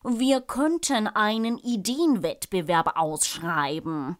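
A woman's voice: mid-range voice, slow pace, natural voice. Woman voicing eager royal servants. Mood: eager offering. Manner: eager, offering suggestions, stretched-out words. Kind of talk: storybook read-aloud.

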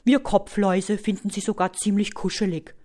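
A woman's voice: mid-range voice, steady tone, moderate pace, a little mellow, lightly acted. A woman doing a sighing, lazy head louse. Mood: plain. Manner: sighing and whiny.

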